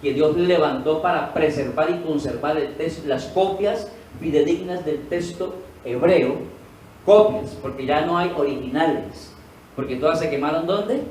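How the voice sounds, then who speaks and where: A pastor with a fairly high, darkish voice preaches at a measured pace, the sound distant and echoey with faint ambience and a little hiss or hum. He raises questions for the congregation, answers them on his own and repeats key words to drive them home.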